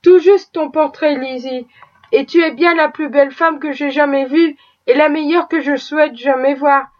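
A bitter, impassioned young husband pours out his grievances, read by a woman who barely changes her voice. The tone is high, and the recording is muffled and lo-fi. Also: fairly even intonation, normal speed, natural voice. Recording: dull lo-fi recording.

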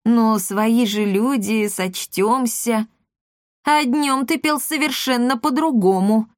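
A woman's voice: fairly high pitch, slow pace, no room sound, studio quality, pitched above the performer's own voice. A woman voicing an indignant, sleepy male merchant who grumbles and mutters. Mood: grumbling.

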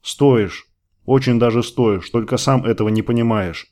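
A man reading the lines of a worried, loving woman who gently pleads with her lover in an audiobook. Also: mid-range voice, moderate pace, natural voice. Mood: tender.

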